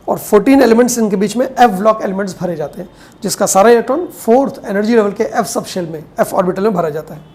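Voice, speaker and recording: In a classroom chemistry lecture, a woman explains step by step, poses questions and answers them herself, and slows down to dictate notes. She mixes Hindi with English terms, speaking in a mid-range, darkish voice.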